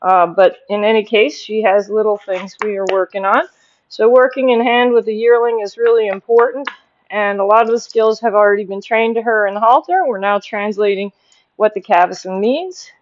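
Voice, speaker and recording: A woman's voice: mid-range voice, fairly even intonation, normal speed, muffled recording, a little hiss or hum. A woman giving hands-on horse training instruction, explaining as she goes and breaking off for short commands and praise to the animal. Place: horse barn aisle, later an outdoor riding ring.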